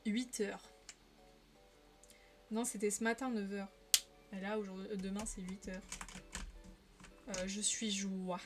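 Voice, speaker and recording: A young woman streamer talks casually to her chat as she colors, in a mid-pitched voice that sits right in the middle. She keeps up a chatty, familiar run of talk aimed straight at her viewers. A bit of soft music plays quietly behind her. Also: steady tone, unhurried, long pauses. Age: young adult.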